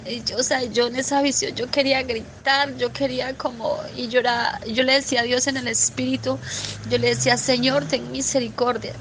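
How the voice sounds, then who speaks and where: Earnest woman recounting a vision, halting. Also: sits high, flat delivery, fairly bright tone, slight background noise. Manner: earnest, halting, with frequent restarts. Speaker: believer sharing a vision testimony. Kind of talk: spoken testimony of a religious vision.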